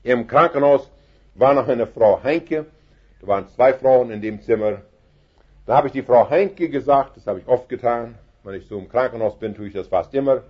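A man preaching an evangelistic sermon, fervent and penetrating, dropping soft and then rising to loud emphatic cries. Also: medium pitch, moderate pace, slightly rough, lo-fi sound.

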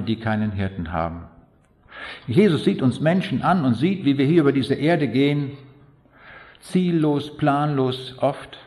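Older preacher in an echoey hall. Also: male voice, medium pitch, darkish tone. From East Prussia. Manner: fervent, rising to emphatic appeals, long spoken lists. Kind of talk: sermon. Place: large hall.

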